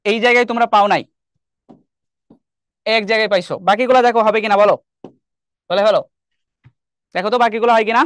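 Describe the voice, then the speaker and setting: A man's voice: very high voice, a bit bright, clear, resonant tone, dry recording. A young man with a Bangladeshi Bengali accent teaching an online English class, explaining step by step and quizzing his students often. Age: young adult.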